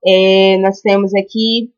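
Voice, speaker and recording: A Brazilian woman teaching a primary school class in a recorded lesson, walking through each exercise patiently and stretching out example words slowly. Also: medium pitch, little pitch movement, clean tone, lo-fi sound. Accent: Brazilian Portuguese. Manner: patient, explains step by step and checks in with "tá?".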